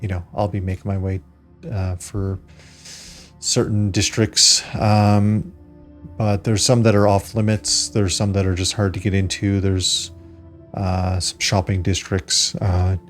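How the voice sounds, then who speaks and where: A man with a fairly low voice narrates as the game master of a tabletop role-playing game. He lays out the world in halting, improvised exposition. Faint music plays behind him. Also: level tone. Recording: background music under the voice.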